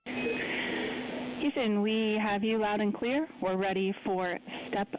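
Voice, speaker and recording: A woman's voice: mid-range voice, takes it slowly. A woman working as capsule communicator, giving clipped procedural calls over a crackly mission radio link. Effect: crackly, noisy space-link radio. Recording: noisy, phone-like mission radio loop.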